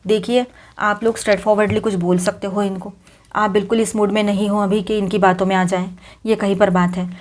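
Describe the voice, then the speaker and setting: A woman's voice: medium pitch, level tone, brisk, darkish tone. A woman reading tarot cards straight to her viewers in a casual, conversational way, mixing in English words and often restarting sentences. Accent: Hindi. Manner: conversational, mixes English words into Hindi, many fillers and restarts. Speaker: tarot reader.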